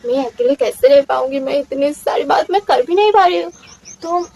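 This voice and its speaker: A young woman casually telling a personal story, excitable, mixing English words into her Hindi. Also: high voice, moderate pace, creaky, rough recording. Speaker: storytime vlogger.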